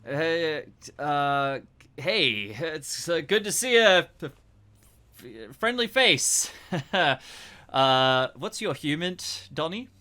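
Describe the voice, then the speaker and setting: A man playing a weary, rattled middle-aged police detective who talks loudly with lots of halting fillers. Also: on the high side, big pitch swings, pitched above the performer's own voice, exaggerated voice. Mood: flustered.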